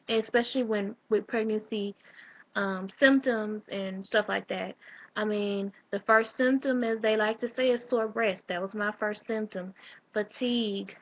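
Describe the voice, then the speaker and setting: A woman's voice: medium pitch, dull audio. A young woman, rambling casually in a late-night vlog, a little out of breath. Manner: rambling, chatty, with fillers and restarts. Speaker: vlogger.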